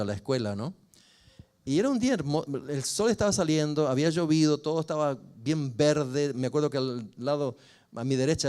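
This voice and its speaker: An older man, a pastor telling a personal story in a sermon with expressive rises and falls. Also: mid-range voice. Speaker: pastor and family counselor.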